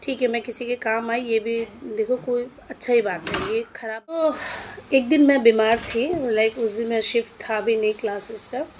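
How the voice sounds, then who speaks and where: A woman's voice: on the high side, moderate pace, a little mellow, a little hiss or hum. A woman in her thirties, an English teacher, telling a personal story in a chatty way and slipping English words into her speech. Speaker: English teacher running her own coaching classes.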